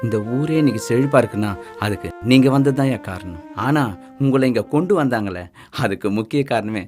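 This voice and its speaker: An actor playing a grateful village elder who speaks respectfully and thankfully. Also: male voice, medium pitch, animated, a little fast, over music, close to an everyday voice.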